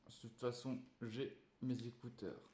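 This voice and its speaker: A man talks slowly through an unboxing, casual and relaxed, stopping often for fillers as he goes. His voice sits mid-range and sounds roomy, as if he is in an echoey space. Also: medium pitch, slight background noise. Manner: hesitant, many fillers, relaxed and chatty. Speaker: tech reviewer unboxing a phone. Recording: echoey room.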